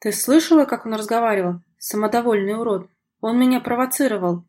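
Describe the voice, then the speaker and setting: A woman reading a sullen young man who is quick to anger in an audiobook scene, loud and rude, with lines that come out forceful and combative. Her voice has a husky, breathy grain. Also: fairly high pitch, natural voice. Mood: indignant. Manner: shouting, rude, aggressive.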